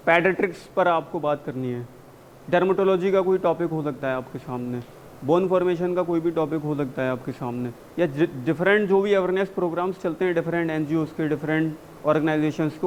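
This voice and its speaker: A man coaching spoken English in a classroom, mixing Hindi and English, drilling phrases slowly and urging students to read with energy. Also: fairly high pitch, a little mellow, a little hiss or hum. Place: university classroom.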